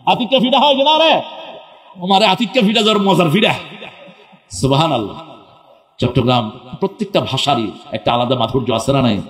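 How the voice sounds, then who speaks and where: A man preaching a sermon to a crowd. He asks the crowd questions, answers them himself, and sometimes breaks into chanted phrases. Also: fairly high pitch. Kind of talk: Islamic sermon at a public gathering. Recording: echoey hall with long reverb.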